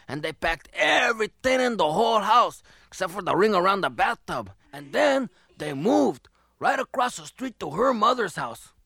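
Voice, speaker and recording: A male comedian telling a rambling, deadpan parody of a fairy tale. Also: high voice, creaky, dry recording, clean studio sound. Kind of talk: comic storytelling routine.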